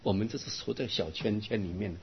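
Husky older man giving a dharma talk. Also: lowish voice, fairly quick. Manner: lively storytelling with laughs and asides to the audience. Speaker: Buddhist monk teacher. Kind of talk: dharma lecture. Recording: dull lo-fi recording.

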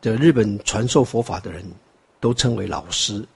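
A man's voice: lowish voice, normal speed, vocal fry, husky. An older man from Taiwan with a Taiwanese Mandarin accent, giving a rambling Buddhist teaching talk full of fillers and wry asides. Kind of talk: dharma talk lecture.

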